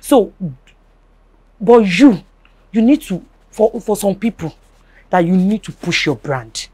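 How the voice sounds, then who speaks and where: A woman with a Nigerian accent hosting a casual talk show, talking in an animated way, repeating herself and asking if you follow. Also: medium pitch, slow pace, slightly rough. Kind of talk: casual chat.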